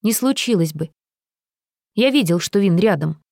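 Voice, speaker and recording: A woman voicing a hot-tempered young male caravan leader in an audiobook, with loud, forceful outbursts. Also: mid-range voice, lively intonation, a little slow, gravelly, no room sound, studio quality. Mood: angry. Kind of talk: audiobook character reading.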